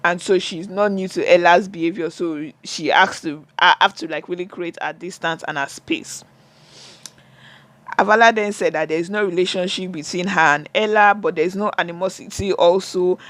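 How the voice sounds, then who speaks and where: Chatty man, rather high voice. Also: steady tone, normal speed, fairly bright tone, dry recording. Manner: chatty, retells what was said, many "and all" fillers; exasperated asides to viewers. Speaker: vlogger recapping a reality show reunion. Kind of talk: casual recap vlog.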